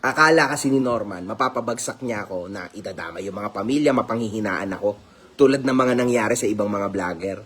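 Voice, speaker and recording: A man's voice: on the low side, fast talker, fairly bright tone, breathy edge. A man talking casually to his viewers as a vlogger, teasing and laughing often and mixing English phrases into his talk. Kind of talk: casual commentary vlog.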